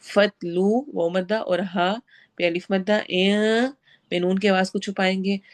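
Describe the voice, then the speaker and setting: A woman teaching Quran recitation, reciting each phrase slowly and then patiently explaining how to pronounce it. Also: mid-range voice, steady tone. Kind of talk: tajweed lesson.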